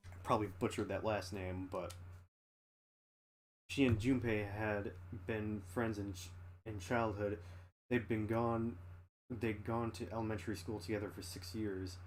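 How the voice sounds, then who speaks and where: A man reading a story aloud as a streamer, stumbling over words and correcting himself between casual asides. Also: fairly low pitch. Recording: clearly noisy home stream recording.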